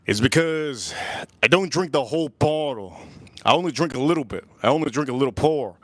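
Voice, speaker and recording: On a relaxed livestream, an American man samples whiskey, sighing and exclaiming between sips and enthusiastically repeating himself. His voice is fairly high and fairly bright.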